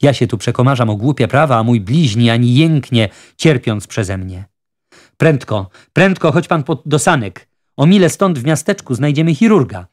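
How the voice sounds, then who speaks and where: A man's voice: medium pitch, lively intonation, moderate pace, lightly acted. A man voicing a genial, talkative wealthy judge who persuades with fussy good humor. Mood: urgent.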